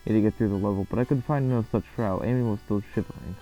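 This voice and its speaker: This is a fast-paced creepypasta narration by a man whose voice runs somewhat low, followed by his relaxed reaction. The sound is muffled and lo-fi, and spooky game music plays loudly in the background.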